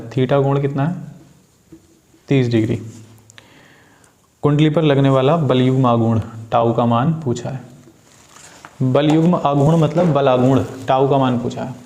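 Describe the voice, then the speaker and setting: A man's voice: medium pitch, darkish tone. Male tutor, mid-range voice, patient step-by-step classroom explainer. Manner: patient, addresses students as beta, asks and answers own questions. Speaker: physics teacher. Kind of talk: classroom problem-solving lesson.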